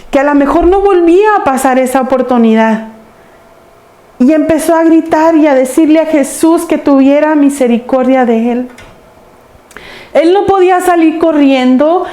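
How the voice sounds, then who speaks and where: A woman's voice: high-pitched, mellow, reverberant. A woman preaching a sermon, telling the story earnestly and addressing the congregation. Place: church sanctuary.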